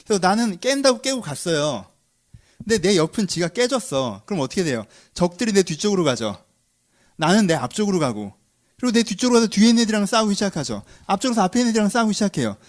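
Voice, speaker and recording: A man's voice: high-pitched, sing-song, fast talker. A man preaching a sermon, constantly asking his listeners questions and answering them himself. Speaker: pastor.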